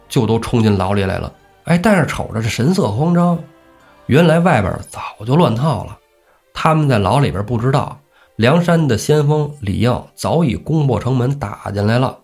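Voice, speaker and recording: A man telling a classic tale on a casual storytelling podcast, acting out the characters' lines with lively energy. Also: mid-range voice, moderate pace, husky, soft background music. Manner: lively, acts out characters' shouts. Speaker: storyteller host.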